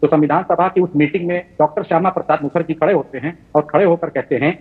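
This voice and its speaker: A man's voice: on the high side, steady tone, fast talker, husky. Man on a tinny remote line debating. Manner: insistent, narrates historical anecdotes. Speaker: opposition spokesperson in TV debate. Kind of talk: debate argument. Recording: phone-like remote audio line.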